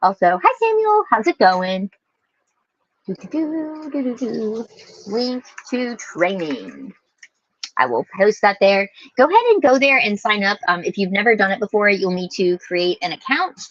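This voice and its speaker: A woman's voice: mid-range voice, sing-song, normal speed, no room sound, lo-fi sound. American woman chatting inside a small camper. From United States, lives in Louisiana. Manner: informal, rambling. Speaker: livestream host. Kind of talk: casual livestream chat.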